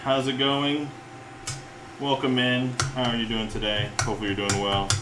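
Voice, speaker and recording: A man with a relaxed, medium-pitched voice hosts a cooking livestream from his home kitchen, rambling, chuckling often, and greeting viewers at a normal pace over loud music. It's casual chat while he cooks. The room is echoey, full of loud cookware clatter and clinking cutlery, pots, and pans.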